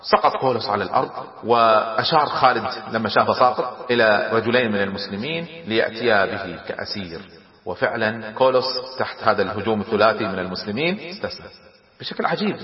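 A man telling a historical battle story, lively and dramatic, at a quick pace. His voice rings in an echoey hall with a long tail and sounds dull and lo-fi. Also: medium pitch.

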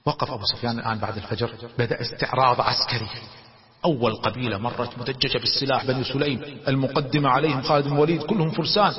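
A man telling religious history as a lecture, dramatic and animated. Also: medium pitch, racing. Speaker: religious storyteller. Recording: dull recording with long reverb.

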